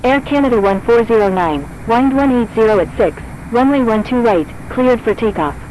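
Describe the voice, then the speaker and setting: A woman's voice: fairly high pitch, animated, moderate pace, darkish tone, natural voice, poor audio. Woman as clipped air traffic control radio voice. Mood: procedural. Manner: clipped, formulaic, scripted delivery. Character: brisk procedural airport tower controller.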